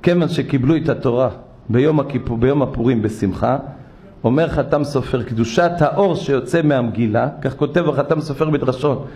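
A man, a rabbi, giving a sermon in a synagogue, telling stories and voicing the people in them. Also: medium pitch. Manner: animated storytelling, acting out voices; rises to loud exhortation.

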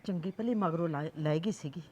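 A woman's voice: a little fast, mellow, lo-fi sound, close to an everyday voice. An actress with a Punjabi accent playing an older mother who complains about her son's girlfriend in an exasperated way. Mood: complaining. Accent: Punjabi (Malwa). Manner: complaining, exasperated, rising pitch. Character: grumbling older mother of a son, fed up with his girlfriend. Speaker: actor in a short film.

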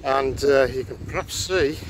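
With a medium-pitched voice and measured pace, a hiker casually narrates his fell walk for a vlog, chatting and drawing attention to the views. He's outdoors on open paths, speaking into a windy camera mic, with faint outdoor noise in the background.

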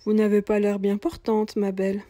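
A woman voicing a kindly old male cobbler who talks in a gentle, coaxing, fatherly way. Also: medium pitch, monotone, normal speed, dry recording, studio quality, lightly acted.

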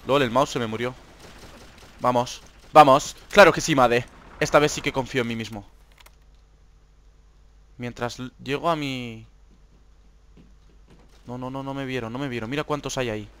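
A young man from Spain with a Spanish accent, hosting live gameplay commentary, swinging from hushed whispers to excited shouts. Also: medium pitch, moderate pace, long pauses, a little hiss or hum. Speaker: gaming channel host.

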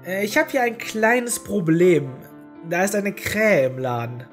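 A woman narrating a story in an even, deadpan manner. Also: medium pitch, unhurried, faint music behind. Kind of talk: audio horror story reading.

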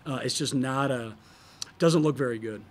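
A man's voice: mid-range voice, normal speed, a little hiss or hum. A man in his thirties, a basketball head coach answering reporters candidly at a post-game press conference, speaking into a table microphone with many fillers and restarts. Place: press conference room, in front of a sponsor backdrop.

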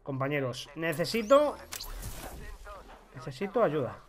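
Man, accent from Spain, gameplay commentary, high voice, very animated, loud outbursts, self-mocking. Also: a little slow. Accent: Spain Spanish. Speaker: gaming YouTuber.

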